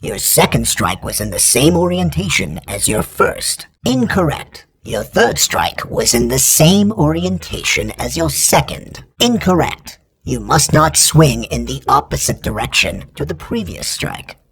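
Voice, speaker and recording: In scripted video game lines, an actor plays a training droid without emotion, issuing curt, formal combat directions filtered through robotic processing. His mid-range voice moves at a measured pace with vocal fry, a breathy edge and few pauses, fully in character. Everything comes out stern and procedural, like deadpan announcements.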